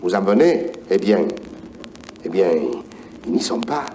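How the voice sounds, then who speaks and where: A man's voice: deep voice, lively intonation, measured pace, warm tone, slight background noise. An actor with a Provençal accent playing a weary, patient male angel who keeps a great register, speaking in a sighing, matter-of-fact way.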